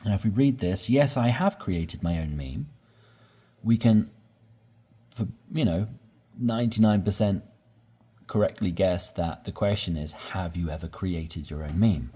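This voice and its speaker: A man teaching English, slowly explaining sentence patterns and repeating examples with patience. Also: deep voice, mellow, breathy edge. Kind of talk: slow explanatory lesson.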